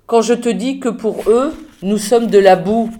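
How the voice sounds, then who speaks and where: Sharp-tongued teenage girl, read by a woman, brisk, practical, storybook reading. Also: a little high, natural voice. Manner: brisk, acerbic.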